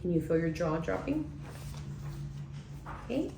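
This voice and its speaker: A woman's voice: fairly low pitch, sing-song, measured pace, dark tone, slight background noise. A woman teacher giving a demonstration reading lesson, patiently checking in with her class as she goes. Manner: patient, checks in often with "okay?". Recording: echoey room, faint ambience.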